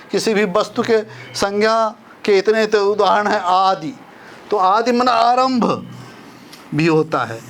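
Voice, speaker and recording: An older man gives a careful spelling lesson in a high voice. He talks at an unhurried pace and repeats each example so it sinks in. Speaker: Hindi teacher.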